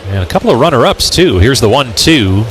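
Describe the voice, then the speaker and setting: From a ballpark broadcast booth, a male announcer gives live radio play-by-play of a baseball game in a medium-pitched, slightly bright voice with big pitch swings and a brisk pace. The audio is poor, with outdoor ballpark ambience and noise in the background.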